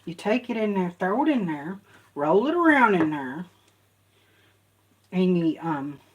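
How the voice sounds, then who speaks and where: A woman's voice: lowish voice, sing-song, measured pace, slight background noise. A woman talks herself through cooking in her home kitchen, rambling and repeating herself in a folksy way. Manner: rambling, repetitive folksy self-talk. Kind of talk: casual cooking commentary.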